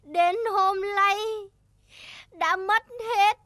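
A wailing old Northern village aunt. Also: female voice, very high voice, fairly even intonation, very slow, a bit bright, dry recording, studio quality, heavily acted. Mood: lamenting. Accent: Northern Vietnamese. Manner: wailing, melodramatic cursing. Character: scolding old village aunt, loud and dramatic. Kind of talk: stage comedy sketch. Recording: music playing underneath.

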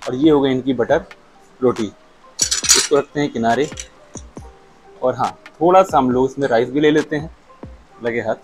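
A food vlogger in his thirties, speaking in Lucknow Hindustani, chats casually to the camera while tasting dishes at a restaurant table. His mid-range voice moves at a moderate pace with frequent pauses, describing each dish as he eats in a relaxed, chatty way. The lapel-mic recording is low quality, with music underneath.

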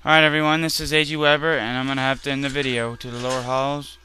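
Profane gamer man yelling at enemies. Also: mid-range voice, flat delivery, fast talker, slight background noise. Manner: profane, loud outbursts at enemies. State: tired and irritated. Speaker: gaming channel host. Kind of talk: casual let's play commentary.

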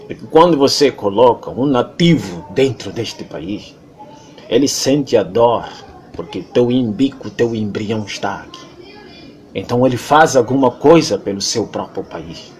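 An interviewee from Angola gives a passionate, lecturing monologue in Angolan-accented Portuguese, returning to the same points again and again. He has a medium-pitched, animated, slightly mellow voice at a measured pace, and a little hiss or hum can be heard.

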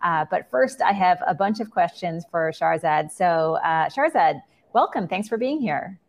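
A woman's voice: lowish voice, expressive, unhurried. A woman in her forties moderating a virtual fireside chat, asking friendly, well-paced questions over a video call. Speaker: interviewer, moderator.

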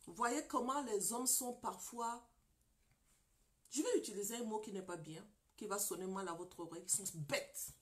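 A woman's voice: mid-range voice, normal speed. A woman pastor giving an emphatic sermon testimony, telling a story with acted quotes and at times dropping to a whisper. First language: French-speaking, broken English. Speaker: pastor and marriage counselor.

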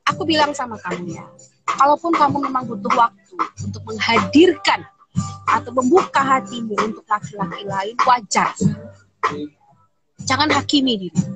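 A woman's voice: a little high, expressive, normal speed, pauses often, over music, poor audio. A woman psychology consultant talking casually on a live video stream, giving emphatic and reassuring advice. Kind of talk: casual livestream chat. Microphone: phone on a live video stream.

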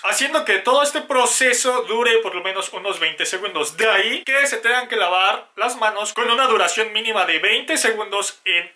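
Bright, high-pitched Mexican man, mouth swollen after wisdom teeth. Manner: playful, chatty. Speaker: YouTube host. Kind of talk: scripted explainer to camera with casual jokes. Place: small indoor room at home.

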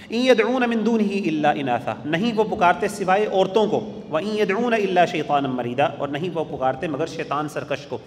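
Man, Quran teacher, slightly high voice, recites and then explains, recorded in an echoey hall. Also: a little hiss or hum. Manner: recites Arabic verses, then explains in Urdu with restarts. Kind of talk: verse-by-verse Quran translation lesson.

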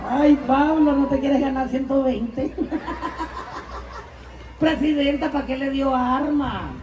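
Comedian putting on a very slow, high teasing drawl, live PA from a distance. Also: male voice, steady tone, background noise. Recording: roomy live PA sound from a distance.

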